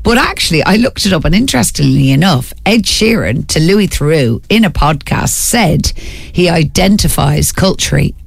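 A woman's voice: deep voice, lively intonation, moderate pace, creaky, breathy edge, dry recording. An Irish woman co-hosting a radio show, chatting in a rambling, talkative way. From Ireland. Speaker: radio co-host. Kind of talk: casual radio chat. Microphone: studio mic.

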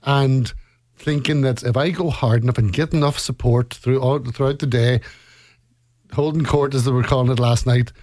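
A Northern Irish man speaks as an interview guest in a mid-pitched voice. He tells his story conversationally and leans on repeated phrases for emphasis. The recording is dry and free of room sound. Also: fairly even intonation, moderate pace, darkish tone, no room sound. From Northern Ireland, County Antrim. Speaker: interview guest, reality show contestant.

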